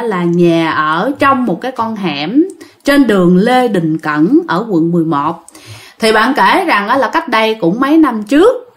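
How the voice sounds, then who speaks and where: A woman's voice: medium pitch, a bit bright. A woman hosting a ghost story channel, chatting to listeners and sounding a bit tired. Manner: chatty, addresses listeners directly.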